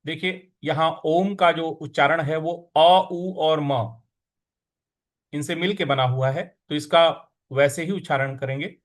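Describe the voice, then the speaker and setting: A man with a fairly high voice teaches recitation at an extremely unhurried pace. He chants each verse with the syllables drawn out long, then breaks down the pronunciation sound by sound in a patient, deliberate way. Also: fairly even intonation. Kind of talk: slow recitation lesson with chanting.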